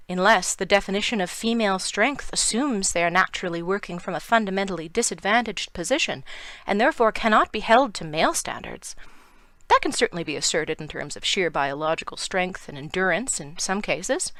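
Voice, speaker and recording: A woman's voice: mid-range voice, animated, fairly quick, a bit bright, dry recording. A Canadian woman delivering a scripted, sarcastic opinion monologue with emphatic outbursts. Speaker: commentary video host.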